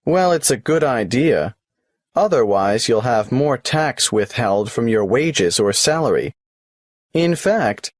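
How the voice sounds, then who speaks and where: A businesslike tax clerk. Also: male voice, mid-range voice, dry recording, studio quality. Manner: polite, questioning, businesslike. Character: male tax office clerk, helpful and procedural. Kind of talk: scripted exam dialogue.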